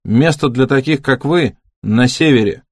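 A man's voice: medium pitch, unhurried, no echo, lightly acted. A man reading the lines of a curt, threatening armed farmer, close to his own voice. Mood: hostile.

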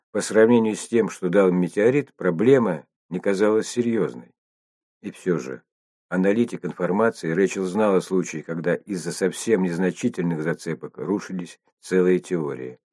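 A man narrating an audiobook in a steady, even storytelling manner. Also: sits low, no echo, clean studio sound.

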